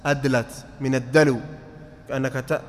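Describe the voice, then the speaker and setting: Animated and fairly high-pitched at a normal speed, a man leads a mosque study circle on inheritance law, quizzing the students and repeating points to make sure they follow. The large hall makes the recording reverberant, with faint noise.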